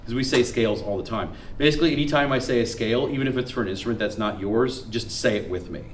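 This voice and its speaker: A man teaching a music theory class, quizzing students and counting notes aloud in a lively lecture. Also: medium pitch, fast talker, far from the mic, slight background noise. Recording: roomy classroom with guitar behind.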